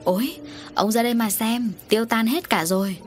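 A woman voicing a middle-aged mother who is shrill and panicking, her voice high and shrieking. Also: moderate pace, music in the background, natural voice. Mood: alarmed.

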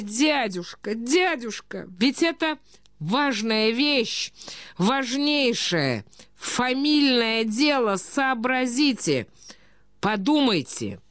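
An anxious young nephew, acted by a woman pleads earnestly and slowly. The voice sits raised and lively, recorded close and dry. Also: high voice, smooth, dry recording, voice pushed up.

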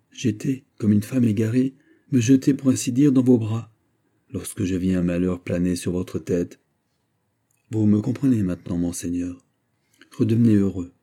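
A man's voice: deep voice, mellow, breathy edge. A man voicing a proud and tender young noblewoman in an audiobook reading, speaking in an earnest, pleading manner.

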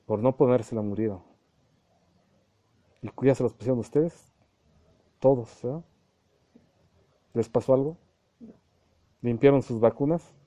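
Male medium, very mellow dark timbre, dry close sound, channeled sermon with acted-out dialogues. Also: medium pitch, measured pace, pauses often, no room sound. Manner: addresses listeners as little brothers, repeats himself, acts out quoted dialogues. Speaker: spiritualist medium preaching.

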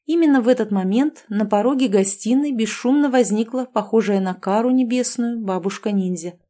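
A woman narrating an audiobook with an expressive, lively reading. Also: a little high, normal speed.

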